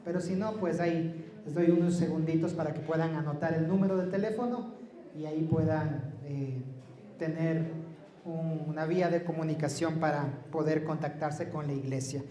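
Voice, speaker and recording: A man preaching a sermon in a church, soft-spoken and friendly, drawing the congregation in with questions. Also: on the high side, steady tone, moderate pace. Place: church sanctuary. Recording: echoey church hall.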